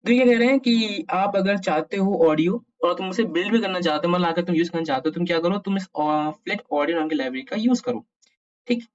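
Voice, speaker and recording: A man with an Indian accent and a high, brisk voice hosts a casual programming tutorial. He thinks aloud as he works, muttering questions to himself. The recording is dull, muffled, and lo-fi.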